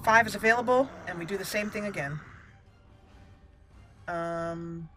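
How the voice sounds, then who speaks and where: An unhurried woman with a lowish voice hosts a gaming channel, narrating each move in casual play-by-play while thinking aloud. There's game music in the background.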